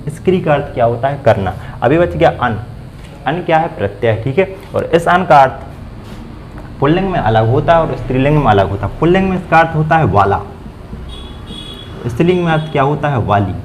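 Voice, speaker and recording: A man gives a classroom-style grammar lesson, asking a question and then answering it himself while repeating the key words, with phrasing. His voice is on the high side with big pitch swings and a fairly quick pace, and the audio is poor, with a little hiss or hum.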